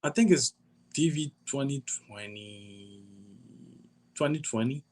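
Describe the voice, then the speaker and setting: Young adult male, Togolese accent, medium pitch, informal interview guest with halting, repetitive delivery. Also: a little mellow, slight background noise. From Togo, West Africa. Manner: halting, repeats phrases, acts out dialogue. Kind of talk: casual personal storytelling.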